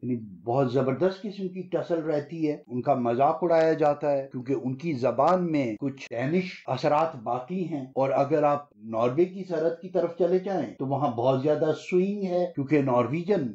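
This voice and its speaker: A man's voice: on the high side, hardly any pauses, a little mellow, lo-fi sound. A man lecturing and taking questions from his audience, talking conversationally and slipping English phrases into his speech. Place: lives in Sweden.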